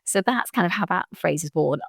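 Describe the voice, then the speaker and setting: A woman, a joy coach and mother, chatting casually in an animated way, laughing often and using lots of fillers. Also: lowish voice, a little fast, vocal fry, husky, no echo, clean studio sound. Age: adult mother. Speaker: joy coach and podcast guest. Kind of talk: casual conversation.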